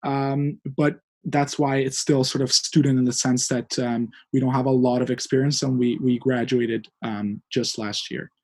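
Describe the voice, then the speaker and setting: A man's voice: mid-range voice, little pitch movement, moderate pace, hardly any pauses, a little mellow. A man in his twenties from Hungary, a guest director of a student fund, answering thoughtfully with many fillers and hedges. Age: 20s. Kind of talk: interview.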